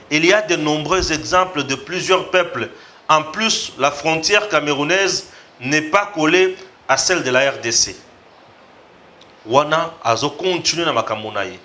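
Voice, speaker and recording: Man with a bright voice. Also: fairly high pitch. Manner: reads tweets aloud and comments, switching between French and Lingala. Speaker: host. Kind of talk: political commentary show.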